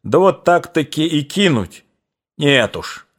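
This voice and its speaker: A man voicing an elderly Cossack mother with a plaintive, drawn-out way of speaking. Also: a little high, very animated, voice pushed up, exaggerated voice. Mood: stubborn. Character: elderly Cossack mother, tender then stubborn.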